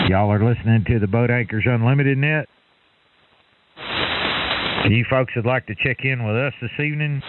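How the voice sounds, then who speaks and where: Folksy man over hissy radio. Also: fairly low pitch. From Texas. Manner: easygoing, folksy, calls people brother. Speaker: net control operator. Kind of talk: ham radio net chat. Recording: tinny radio with loud hiss.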